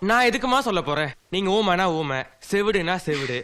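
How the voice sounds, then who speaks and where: A cheeky comic helper. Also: male voice, high-pitched, big pitch swings, a bit bright. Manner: quick-tongued, mock-agreeable. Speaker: film character. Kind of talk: film comedy acting.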